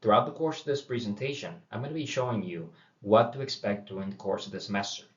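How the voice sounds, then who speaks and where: A middle-aged Puerto Rican university instructor introduces a course in a low-ish voice, talking fast and casually with many fillers and restarts. The audio is dull and roomy, recorded from a distance.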